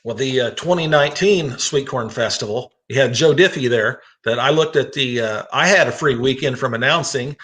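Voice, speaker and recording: A man's voice: medium pitch, moderate pace, few pauses, fairly bright tone. An American man, a tractor pull announcer, hosting a casual talk show in conversation. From East Central Illinois, United States.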